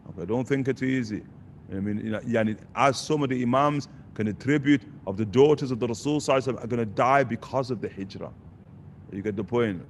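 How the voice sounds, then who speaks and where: Gravelly man teaching casually. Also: mid-range voice, quick pace, slight background noise. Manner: conversational, sprinkles Arabic phrases, asks "you get the point?". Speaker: religious teacher. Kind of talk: casual question-and-answer lesson.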